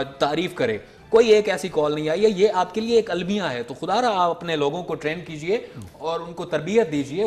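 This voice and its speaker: A male talk show host with a notably high voice grills his guest with pointed rhetorical questions. Faint music sits under his voice. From Pakistan. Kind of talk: live call-in talk show.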